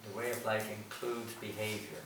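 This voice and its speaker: A man's voice: fairly low pitch, flat delivery, normal speed, fairly bright tone. An Englishman giving a talk to an audience through a translator, chatty and joking with the crowd. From England. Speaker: visiting speaker. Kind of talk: lecture with consecutive translation. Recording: echoey hall, voice from far off, noisy.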